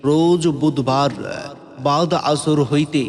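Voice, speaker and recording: A man with a Bangladeshi accent reads a formal scripted announcement for a religious gathering in a declamatory, drawn-out, chanting delivery. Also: on the high side, fairly even intonation. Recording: long echoing reverb, music behind.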